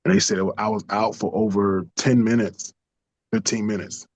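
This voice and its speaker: A man telling a personal story in a casual interview, lively, laughing often and acting out the voices of people he quotes. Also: on the low side, normal speed, no room sound. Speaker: interview guest. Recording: dull lo-fi dry sound.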